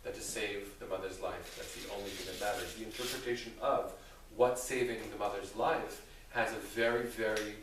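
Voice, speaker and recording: A man speaking as a rabbi, answering theological questions in a deliberate, thoughtful way with careful qualifications. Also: on the low side, fairly bright tone. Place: reverberant indoor room with an audience. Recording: very echoey room, distant mic, faint noise.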